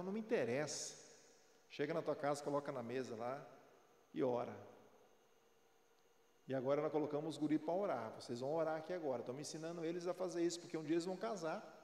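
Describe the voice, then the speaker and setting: A man's voice: a little high, a little mellow. A man in his forties, a pastor giving a sermon in a conversational, storytelling way. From Brazil. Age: 40s. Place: large church hall. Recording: echoey, reverberant church hall.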